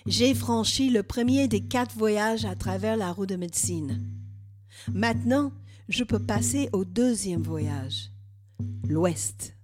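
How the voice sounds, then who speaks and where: A woman leads a meditative inner journey in the first person, speaking very slowly and softly. Her voice sits at a middle pitch and sometimes falls to a whisper. Soft music plays faintly behind her. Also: expressive. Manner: slow, hushed, dropping at times into a whisper. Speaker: narrator.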